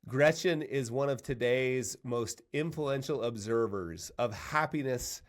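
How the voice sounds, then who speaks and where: A man's voice: medium pitch, unhurried. A man hosting a podcast interview, speaking thoughtfully and often restarting his sentences as he tells a story. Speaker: podcast host. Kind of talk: conversational interview.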